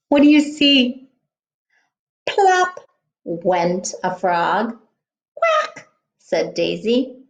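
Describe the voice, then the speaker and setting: A woman teacher reading a picture book aloud to children, gentle and expressive, pausing to ask questions. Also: on the low side, gravelly.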